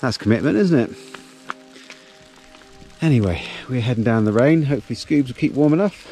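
This middle-aged man has a warm, mid-range voice with lively intonation and a fairly quick pace. Hiking a mountain ridge, he chats casually to his dog and the pole-mounted action camera for his vlog. The recording is rough, with faint music behind him.

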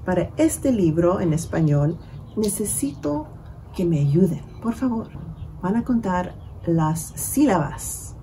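A woman leading a bilingual children's storytime, switching between English and Spanish and drawing out words slowly to count syllables. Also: lowish voice, very animated, mellow, a little hiss or hum, rough recording. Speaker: children's librarian. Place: library.

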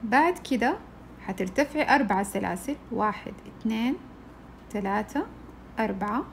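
Gravelly woman counting crochet stitches. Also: on the high side, expressive, moderate pace, a little hiss or hum. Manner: counts stitches aloud, patient. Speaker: crochet teacher. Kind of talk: step-by-step tutorial.

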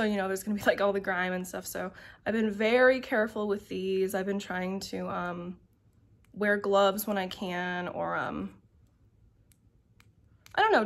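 Rambling young Midwestern woman. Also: medium pitch. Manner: meandering, full of ums and likes. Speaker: vlogger. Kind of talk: casual chat to camera. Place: at home in her bedroom.

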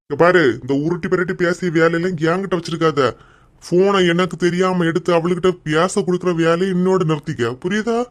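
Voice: medium pitch, steady tone, brisk, close to an everyday voice. An actor voicing a stern Kanyakumari father. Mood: stern scolding. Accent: Kanyakumari Tamil. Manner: scolding, threatening, then gently coaxing. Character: stern middle-aged father scolding his daughters. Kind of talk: cartoon comedy voice acting.

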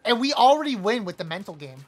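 A woman streaming a live game, trash-talking playfully, apologizing to teammates and suddenly yelling when a play goes wrong. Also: on the high side, sing-song, fast talker. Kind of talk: live gameplay commentary.

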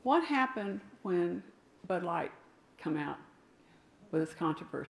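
Preaching in a church sanctuary, an older woman speaks with a gravelly, fairly low voice, very animated yet unhurried. She drives her sermon home emphatically and adds asides to those in the pews, all wrapped in a roomy church echo.

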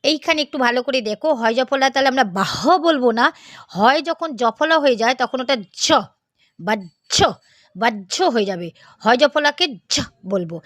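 Lady teacher, high voice, sounds out each letter slow n careful, dry recording. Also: expressive, a bit bright, dry recording. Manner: slow, deliberate sounding out of syllables. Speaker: reading teacher. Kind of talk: spelling-out reading lesson.

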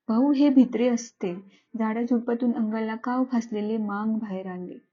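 A woman storyteller reads a classic tale aloud, in a measured and expressive way. Her voice sits somewhat high for a woman, and the recording sounds dull and lo-fi. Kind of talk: scripted narration of a classic story.

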